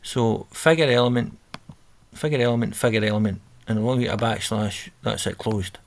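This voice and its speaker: A fairly low-pitched man with vocal fry talks at a moderate pace through a coding exercise on a screen recording. The coding tutor reads out instructions and thinks aloud, revising himself as he goes, with typing audible behind him.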